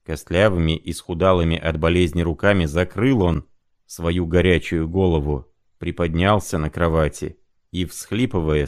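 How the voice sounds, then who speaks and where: A man narrating a literary audiobook in a measured, even storytelling manner. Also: deep voice.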